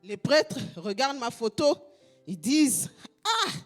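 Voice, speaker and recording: A woman pastor from Congo preaching a fervent sermon, repeating phrases in a half-sung shout. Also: high voice, sing-song, unhurried, faint music behind.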